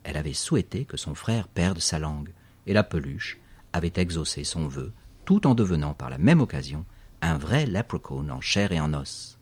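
Very deep, husky male narrator. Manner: expressive reading, spells words out slowly. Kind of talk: audiobook narration.

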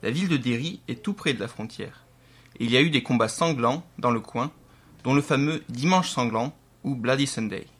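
A man playing a calm grandfather who explains things plainly. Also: medium pitch, moderate pace, slightly rough.

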